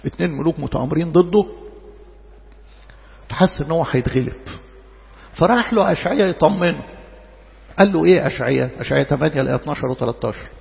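A man with an Egyptian accent preaching a sermon, asking rhetorical questions and slowing down to quote scripture. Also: on the high side, vocal fry, long reverb tail, highs cut off. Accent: Egyptian Arabic.

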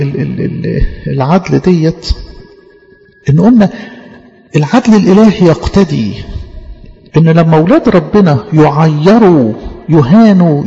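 A man with an Egyptian accent preaching a sermon in a church, fervent, repeating key phrases and slowing down for scripture quotes. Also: on the high side, creaky, mellow, big-room sound, highs cut off. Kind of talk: Coptic Orthodox sermon in Egyptian Arabic.

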